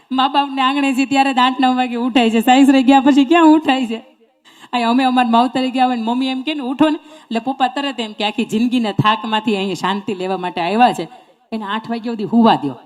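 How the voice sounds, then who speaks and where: Woman giving a motivational talk. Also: a little high. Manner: storytelling, quizzes the audience with questions. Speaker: motivational speaker. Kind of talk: motivational speech to an audience.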